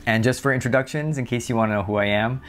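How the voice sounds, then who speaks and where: A man's voice: mid-range voice, quick pace, clear, resonant tone. A man, talking casually and thoughtfully to the camera as a YouTube host. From Hawaii.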